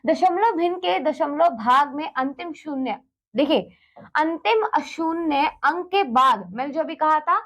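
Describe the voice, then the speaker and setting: A woman with a high voice teaches a math lesson to children. She goes step by step with patience, asks the class questions and answers them. She drops English words into her explanations. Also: dull audio. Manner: mixes English words into Hindi.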